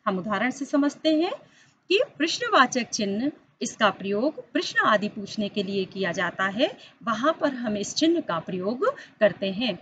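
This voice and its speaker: A woman's voice: sing-song, normal speed, fairly bright tone, lo-fi sound, a little hiss or hum. A woman teacher giving an online school lesson, explaining step by step, speaking directly to the children and lifting her voice on the examples. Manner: stresses key words with rising pitch on examples. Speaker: Hindi teacher.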